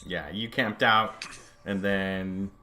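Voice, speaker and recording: A man hosting a streamed tabletop game as game master, narrating in a halting way with many fillers and wry asides. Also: deep voice, steady tone, bright, forceful tone, slight background noise.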